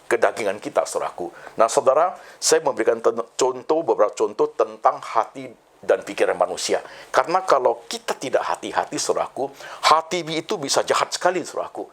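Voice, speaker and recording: A male pastor preaching a sermon. He rises high on key phrases, drops low and soft on a repeated address to the congregation, and mixes English phrases into his talk.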